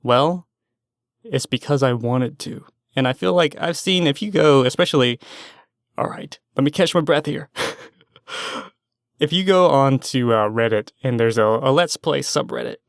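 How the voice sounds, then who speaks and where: A young man talks alone into the mic in a loose stream-of-consciousness monologue. He wanders, second-guesses himself and sometimes loses the thread. His voice is smooth and clear, at a middling pitch, recorded dry and close. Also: normal speed, no room sound. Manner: self-doubting, meandering, loses his train of thought. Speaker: solo podcast host.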